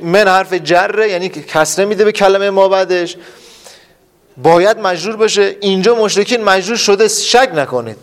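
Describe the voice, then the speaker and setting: A male teacher with a slightly raised pitch runs a classroom lesson. He quizzes the room over and over, repeating key terms with emphasis. Students are present, and he often answers his own questions. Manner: emphatic, drills terms aloud.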